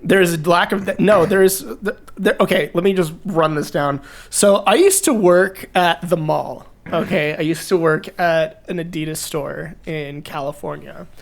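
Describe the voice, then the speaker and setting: A young man co-hosting a podcast, telling a story in casual chat, excitable and profane, laughing through it. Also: fairly high pitch, a little slow, vocal fry, few pauses. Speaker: podcast co-host.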